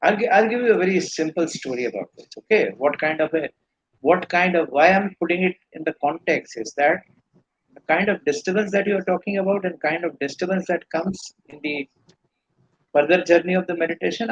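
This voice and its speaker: A man's voice: on the high side, a little fast, husky, dull audio. A man with an Indian accent giving earnest, rambling spiritual teaching in a live question-and-answer session. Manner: earnest, rambling explanations with restarts.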